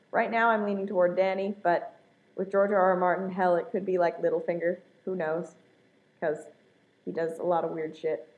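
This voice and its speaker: A woman speaks in a slightly low register, in a casual, chatty style. She is hesitant and thinks aloud as she answers questions. The sound is dull and lo-fi, like a simple home recording. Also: darkish tone.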